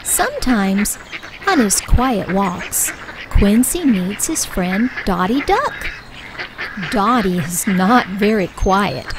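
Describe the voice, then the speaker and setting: Slow, gentle woman reading a kids' book. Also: medium pitch, noisy background. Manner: slow, clear, expressive storytelling. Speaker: children's story reader. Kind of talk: reading a picture book aloud. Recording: soft music bed underneath.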